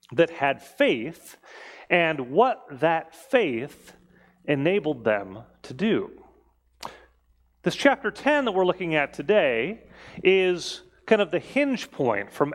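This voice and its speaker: A man speaking as a pastor in a conversational preaching style, in a reverberant church. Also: a little high. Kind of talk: conversational sermon and church leading. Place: large indoor church space. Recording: reverberant hall.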